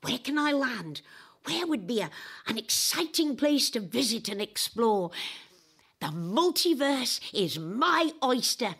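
Drawling and confiding in a husky, breathy voice, an older woman performs a dramatic audio monologue as a flamboyant, boozy, eccentric time-travelling adventuress. She pitches slightly high with big swings, speaks slowly with a fairly bright tone, and exaggerates the voice to sound mischievous and inviting.

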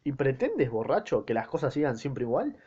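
An indignant wife at the end of her patience, read by a man, scolding in a steady reproachful tone. The pitch stays middling. The sound is a bit muffled and lo-fi. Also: normal speed, slightly rough. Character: angry scolding wife, fed up.

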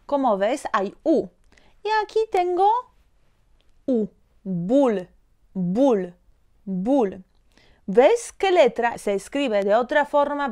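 Woman, language teacher, very slow delivery, repeats words, pronunciation lesson. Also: a little high, darkish tone. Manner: slow, repeats each word several times.

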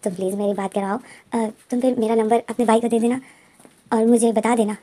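A woman's voice: a little high, little pitch movement, fairly quick, mellow, close to an everyday voice. A woman voicing a bubbly teenage schoolgirl with a crush, alternately pleading and teasing.

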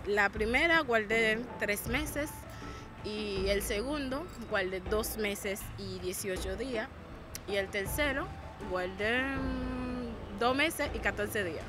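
A woman's voice: mid-range voice, takes it slowly, music in the background. A woman from Haiti answering interview questions frankly, in short matter-of-fact replies.

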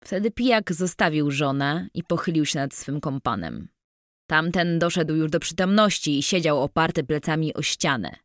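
A woman with a low voice narrates an audiobook in a measured, even storytelling style. The sound is clean studio audio with no room sound.

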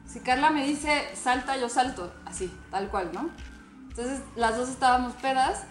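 A woman's voice: sits high, moderate pace, reverberant, faint music behind. A Mexican woman around thirty, telling a story in slangy casual chat and acting out the quotes. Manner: animated, slangy, acts out quotes. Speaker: guest. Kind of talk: casual storytelling among friends.

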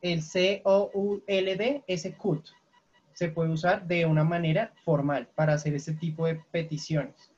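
A woman's voice: lowish voice, fairly even intonation, unhurried, a little mellow. Brief: woman teacher on an online call, patient, keeps checking in, lo-fi audio. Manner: patient, checks often for questions. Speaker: English teacher. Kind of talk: online class, explaining grammar. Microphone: video call.

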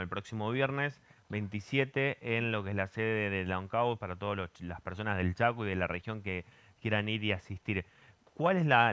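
A man's voice: on the low side, fairly bright tone, smooth, dry recording. A young man, hosting a TV studio interview and asking long, rambling questions with restarts. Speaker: TV host.

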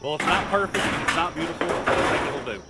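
A chatty man in his thirties, voice sitting a little high, talks his way through a farm chore in a relaxed outdoor vlog. He rambles with plenty of fillers into a camera held at arm's length. Crickets and insects buzz faintly behind him in the yard. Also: fairly quick, loud music behind the voice. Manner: chatty and plain-spoken, with many fillers. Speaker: homesteader vlogger. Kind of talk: casual outdoor DIY vlog. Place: outdoors in a grassy farmyard by a metal building. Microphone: action camera held at arm's length.

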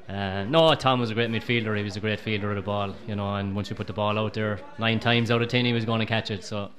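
A middle-aged Irishman who used to play in goal chats easily in a busy pub, his voice lowish, steady and a bit bright. He talks quickly and casually, sprinkling in plenty of "you know."

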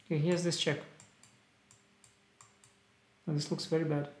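Here a young man streams chess puzzles, chatting loosely and voicing his thoughts in brief, clipped phrases with a Russian-flavored English accent. He speaks at normal speed with a somewhat high voice that barely moves in pitch. The small indoor room gives the recording a roomy sound.

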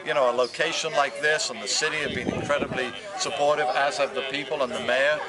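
A man's voice: mid-range voice, steady tone, a little fast, over a noisy crowd. A man in his fifties who leads an ocean research group, talking earnestly and with enthusiasm in an outdoor interview, often restarting his sentences. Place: outdoors by a brick building and truck. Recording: outdoor street noise and voices.

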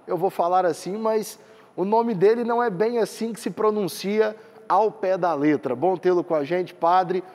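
A man's voice: sits high, normal speed, a little mellow. A man working as a TV reporter, asking an interview guest friendly, upbeat questions. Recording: husky voice in long reverb.

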